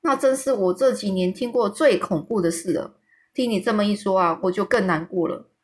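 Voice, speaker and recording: A woman voicing a big friendly male giant who is soft-hearted and quick to tears, full of exclamations and sighs. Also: medium pitch, breathy edge, close to an everyday voice. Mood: tearful. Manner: exclaiming, sighing, tearful.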